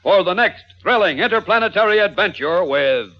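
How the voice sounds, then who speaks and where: A man's voice: sits high, lively intonation, moderate pace. A man announcing a 1950s radio adventure serial in a dramatic, declamatory style. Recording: muffled old broadcast disc recording. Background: music.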